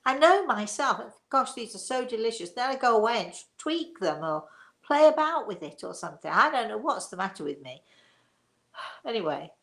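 The sixty-something host rambles happily through tangents in a casual living-room chat on her own show. This time her gravelly voice is fairly high and very animated, at normal speed.

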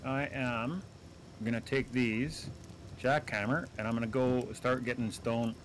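A mid-pitched man chatting over a team game, stopping and restarting as he gives orders to his teammates. A faint noise sits under his voice. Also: fairly even intonation. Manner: halting, full of "uh", directing teammates. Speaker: gamer on voice chat. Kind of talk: casual team game chat.

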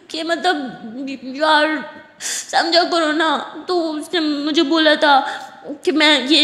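A woman's voice: sits high, a bit bright. A woman voicing a young female college student who laughs and protests her innocence, in an echoey room with a long reverb.

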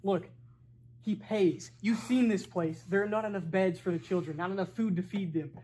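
A man's voice: sits high, moderate pace, mellow, breathy edge. A young man playing a weary orphanage director. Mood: defensive. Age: young adult. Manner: explains at length, pleading defensively. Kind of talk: amateur fan film acting. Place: indoor meeting hall.

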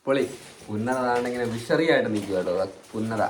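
A man's voice: mid-range voice, fast talker, slight background noise. A man who is a family vlogger, chatting casually to camera and speaking directly to his viewers from a family home. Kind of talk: casual vlog chat to camera.

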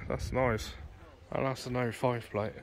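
A British car show vlogger strolls a grassy field outdoors, phone in hand, giving chatty, matey commentary without a script. His medium-pitched voice has little pitch movement and a measured pace. Slight background noise can be heard.

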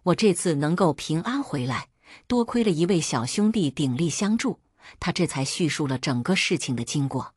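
A stern young wife, voiced low and authoritative, as a woman narrator puts her on. The voice is slightly husky with a dry, close sound. It is a storybook heroine. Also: lively intonation, normal speed, a little mellow, no room sound. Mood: calm. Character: young wife, firm and commanding. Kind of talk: storytelling voice acting.

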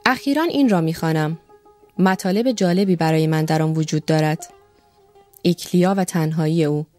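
A woman reading a calm, measured doctor. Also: low-pitched, soft background music, close to an everyday voice.

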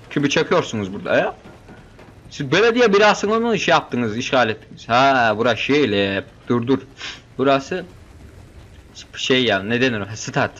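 A man's voice: mid-range voice, a bit bright, dull audio. A young man giving casual, joking commentary while playing a shooter game, bantering with the characters on screen. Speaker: gameplay commentator.

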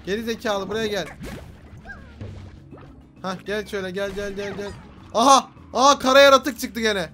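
A young man giving frantic let's-play commentary, yelling and swearing at creatures. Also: sits high, steady tone, normal speed, long pauses. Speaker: gaming YouTuber. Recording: game music underneath.

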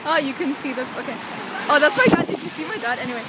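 Young woman vlogger, high voice, giggly and excitable, noisy handheld camera sound. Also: fast talker. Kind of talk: casual vlog chat. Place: outdoors in the rain, then indoors. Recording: noisy outdoor camera audio with wind.

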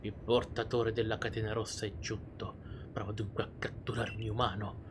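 A man voicing a solemn godlike dragon from a video game in a hushed, whispery telepathic voice. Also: lowish voice, little pitch movement, moderate pace, noisy background, voice pushed down, lightly acted. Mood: solemn, challenging. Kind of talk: dubbing game dialogue aloud.

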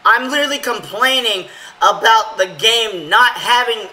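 A man with a hoarse voice giving casual, rambling, opinionated gaming commentary as channel host. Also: high-pitched, a little slow, sharp tone, low-quality recording. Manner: rambling, filler-heavy, opinionated. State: hoarse from yelling.

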